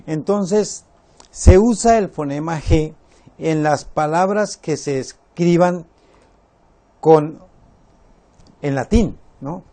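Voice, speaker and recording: A man teaching a spelling lesson, slow and deliberate, repeating his examples. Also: a little high, dark tone.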